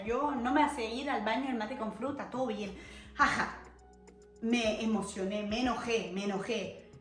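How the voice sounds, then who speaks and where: A lively young French woman talking to camera in Spanish with a strong Argentine accent, slangy and animated. Her voice sits a little high. The room adds a roomy echo, with soft music under her. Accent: Argentine Spanish, from Buenos Aires province. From France. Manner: animated and slangy, jumping into shrill imitations. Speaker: vlogger. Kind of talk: casual storytelling monologue to camera.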